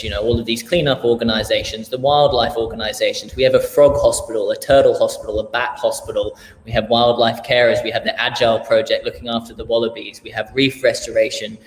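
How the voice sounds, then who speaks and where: An Australian man talks casually in a flat, even voice, wandering through his thoughts with plenty of fillers and restarts. The room around him is echoey, with a long reverb tail and a faint hiss behind. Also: medium pitch. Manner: relaxed, rambling, many fillers and restarts. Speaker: charity founder. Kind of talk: casual interview.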